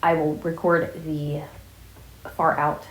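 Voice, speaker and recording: Low-voiced woman chatting with a sore, scratchy throat. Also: level tone, slow. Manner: rambling, informal, trailing off. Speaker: vlogger addressing viewers. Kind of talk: casual chatty vlog. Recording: echoey room.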